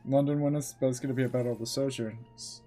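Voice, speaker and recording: A game streamer chats casually during a live stream, reacting in offhand fragments and muttering to himself. His medium-pitched voice is warm and steady with a quick pace, over soft background music.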